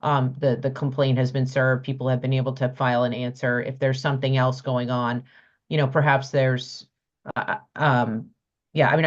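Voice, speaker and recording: Dull lo-fi recording, woman, very low pitch, committee testimony, tentative, halting explanation. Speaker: witness explaining proposed legislation to a committee. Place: legislative committee room. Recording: dull, lo-fi hearing audio.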